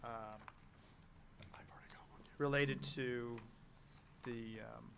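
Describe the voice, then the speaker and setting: A man on a town's planning staff, explaining policy to a council in a halting, explanatory way on a meeting microphone. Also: mid-range voice, fairly even intonation, creaky, a bit bright, a little hiss or hum. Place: town meeting room.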